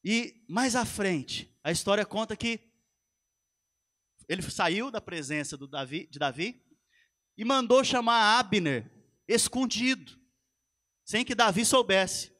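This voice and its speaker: A man's voice: sits high, animated, takes it slowly, pauses often, fairly bright tone. A man, a pastor preaching a sermon in a church, retelling a story with animation and speaking straight to the congregation.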